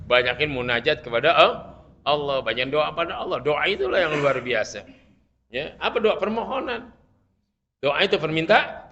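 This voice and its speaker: Joking Betawi preacher, bright lo-fi sound. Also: male voice, a little high. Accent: Betawi Jakarta. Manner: humorous, colloquial, swings from loud to soft. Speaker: Islamic preacher teaching fiqh. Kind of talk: casual religious lesson with Arabic readings. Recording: muffled lo-fi sound.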